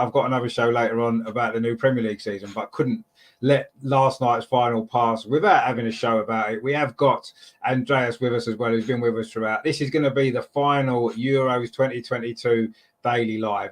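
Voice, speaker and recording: English bloke hosting a football show, average pitch, chatty and informal. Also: male voice, fairly even intonation, fairly quick. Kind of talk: casual live show presenting.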